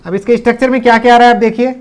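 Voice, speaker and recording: High-voiced man teaching English grammar. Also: steady tone, smooth. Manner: explains patiently, repeats example sentences slowly; mixes English sentences into his speech. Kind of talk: classroom-style video lesson.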